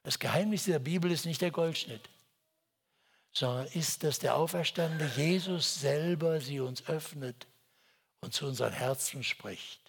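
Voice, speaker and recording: A man preaching a sermon with a dramatic delivery, moving from hushed whispers to loud exclamations. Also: a little high, measured pace, gravelly, husky.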